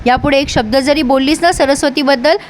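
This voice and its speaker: A woman's voice: sits high, brisk, slight background noise, natural voice. A woman reading out the lines of an angry young male doctor in a harsh, scolding way.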